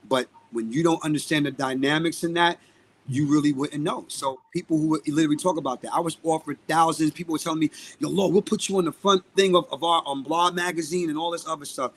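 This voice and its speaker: A singer and music producer with a Brooklyn, New York accent is a guest in a live podcast interview. He is outspoken and emphatic, repeating phrases for stress, in a fairly high, evenly intoned voice at a brisk pace.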